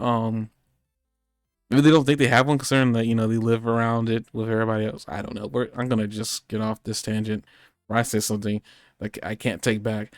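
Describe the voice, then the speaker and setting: A man's voice: medium pitch, clear, resonant tone, no echo, clean studio sound. Rambling male podcast host. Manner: rambling, meandering, self-correcting. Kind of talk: casual chat. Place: home streaming setup.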